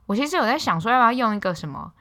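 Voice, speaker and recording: A young woman from Taiwan hosting a casual solo podcast, telling stories in an animated, exasperated way with sharp quips. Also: on the high side, rapid-fire. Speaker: podcast host.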